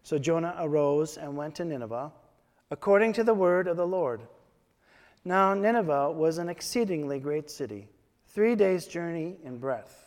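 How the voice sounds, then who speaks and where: A man with a fairly high voice leads prayers and reads scripture in a measured, solemn manner. His words ring out with a cathedral echo, trailing a long reverb through a large church. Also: animated. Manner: measured, solemn reading aloud. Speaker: officiant leading worship. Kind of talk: liturgical prayer and scripture reading.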